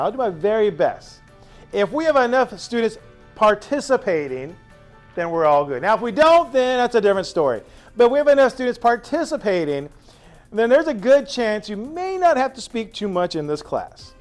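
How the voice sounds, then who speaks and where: A man teaching a first-day class, telling stories to his students in an animated way with drawn-out asides. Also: sits high, faint music behind.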